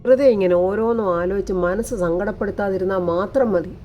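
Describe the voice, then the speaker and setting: Woman voicing a gentle, reassuring younger sister in a serial retelling; mellow tone. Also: medium pitch, quick pace, a little hiss or hum, close to an everyday voice. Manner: coaxing, reassuring.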